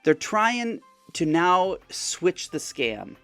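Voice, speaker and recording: A man's voice: high-pitched, very animated, very slow, pushed and bright, smooth, no echo, soft background music. Wry man recapping a scam chat. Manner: wry, mocking, acts out chat messages in other voices. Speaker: scam-baiting content creator. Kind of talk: casual storytelling recap.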